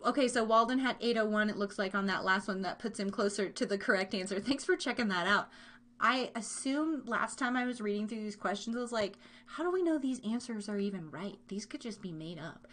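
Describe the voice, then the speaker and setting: The host of this live trivia show, an American woman, talks a little fast in a mid-range, fairly bright voice. Her casual live-stream banter is playful and chatty, full of giggly remarks to listeners.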